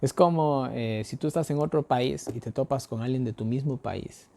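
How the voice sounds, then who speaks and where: Gravelly Ecuadorian man teaching the Bible. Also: medium pitch, moderate pace, dark tone. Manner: asks rhetorical questions and answers them himself; folksy, uses everyday examples. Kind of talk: daily Bible study sermon.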